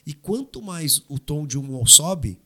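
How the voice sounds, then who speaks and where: A man talking casually into a studio microphone on a podcast, animated and pushing his pitch up when he makes a point. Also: takes it slowly, breathy edge. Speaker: podcast host.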